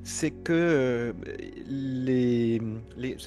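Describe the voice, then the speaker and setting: A man's voice: mid-range voice, extremely slow, soft background music. A man hosting a casual interview, asking questions with hesitations and frequent restarts. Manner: warmly curious, hesitant with many "euh" and restarts. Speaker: interviewer, host.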